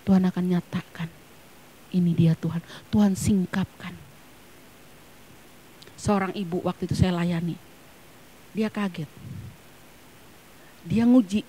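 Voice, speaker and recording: A woman pastor preaching a sermon at a church service. She is emphatic, swinging between hushed near-whispers and loud, fervent peaks. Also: lowish voice, fairly even intonation, measured pace, long pauses, a little hiss or hum.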